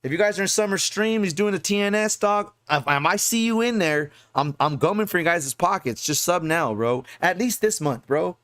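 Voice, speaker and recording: A man's voice: high-pitched, animated, normal speed, hardly any pauses, a bit bright, dry recording. A man in his forties hosting a live gaming podcast, ranting casually with lots of swearing and constant "right?" tags. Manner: profane, emphatic, keeps tagging "right?". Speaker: podcast host.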